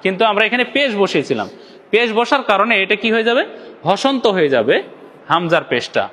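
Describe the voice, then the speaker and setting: With big swings in pitch and a fast delivery, this Bangladeshi man guides viewers through Quran recitation in a step-by-step lesson. He quizzes, then answers himself, lengthening syllables as examples. His high, fairly bright voice echoes in a large hall.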